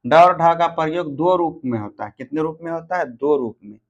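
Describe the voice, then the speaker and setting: A man's voice: a little high, animated, brisk, highs cut off. Man teaching grammar, asking and answering himself. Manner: asks questions and answers them himself; repeats and counts things out. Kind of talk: exam-prep grammar lesson.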